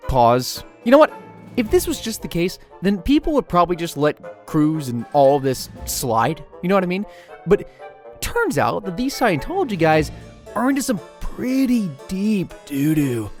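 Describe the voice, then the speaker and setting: A man's voice: high voice, very animated, measured pace. Male narrator for a comedy commentary channel, sarcastic, faint music under him. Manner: sarcastic, wisecracking.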